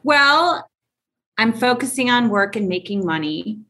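A woman's voice: a little high, lively intonation, measured pace, bright, forceful tone. A woman in her forties, a guest in an interview, speaking bluntly and frankly with emphasis. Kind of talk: conversational interview.

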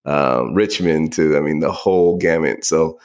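A man in his forties from the Bay Area, co-hosting a podcast in relaxed, rambling casual chat. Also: extremely low pitch, a little slow. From San Francisco Bay Area. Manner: relaxed, rambling, many fillers. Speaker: podcast co-host.

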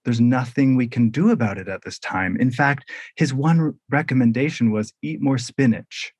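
A man's voice: medium pitch, normal speed, a little mellow, husky, dry recording. A man from Canada in his thirties, a guest in an interview, talking in an upbeat, joking way and laughing often. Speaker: guest, visual artist. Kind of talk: conversational interview.

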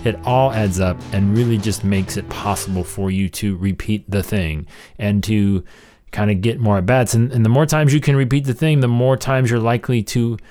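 A man's voice: lowish voice, steady tone, moderate pace, mellow, faint music behind. A man hosting a podcast with casual conversational commentary, rambling and interrupting himself as he emphasizes his points. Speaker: podcast host.

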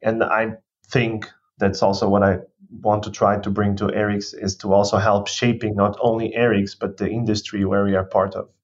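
Man, 30s, from Portugal, low voice, thoughtful restarts, dull lo-fi recording. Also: flat delivery, normal speed. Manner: thoughtful, with restarts and non-native phrasing. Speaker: guest executive. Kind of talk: podcast interview. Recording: dull lo-fi sound.

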